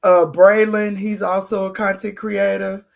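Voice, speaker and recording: Hoarse gravelly woman hosting a livestream. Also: medium pitch, little pitch movement, unhurried. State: hoarse, losing her voice. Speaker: livestream host. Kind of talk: casual livestream chat.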